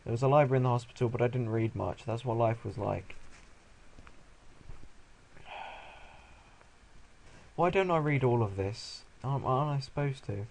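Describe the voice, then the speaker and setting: A man's voice: mid-range voice, moderate pace, vocal fry, pauses often, a little hiss or hum. Sarcastic young man reading a game. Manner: sarcastic, crude, deadpan asides. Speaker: let's play host. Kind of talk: reading a visual novel aloud with commentary.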